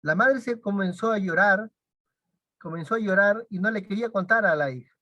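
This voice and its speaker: A woman, teaching at a church discipleship class and retelling a story full of quoted dialogue, with halting restarts. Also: mid-range voice, a bit bright, no echo, dull audio. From Peru. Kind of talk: sermon storytelling.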